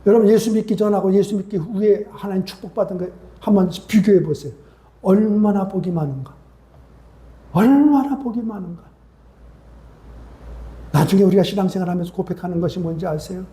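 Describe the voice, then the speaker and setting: A man's voice: sits high, a little fast, long pauses, dark tone. A male pastor preaching a sermon, calling out to the congregation with rising exclamations and repeated questions. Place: church sanctuary. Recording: echoey church hall sound.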